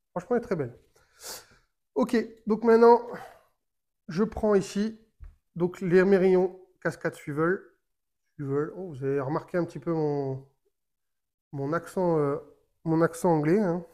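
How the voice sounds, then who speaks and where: A man with a slightly higher voice talks through a fishing rig step by step, as a casual tutorial. He breaks off often with fillers and restarts, and keeps talking while his hands work. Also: darkish tone. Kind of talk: casual how-to explanation.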